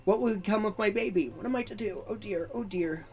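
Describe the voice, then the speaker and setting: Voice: medium pitch, brisk, voice pushed up, close to an everyday voice. A gamer voicing a distraught butterfly creature mother in a video game, panicked and lamenting. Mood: despairing. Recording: faint music behind.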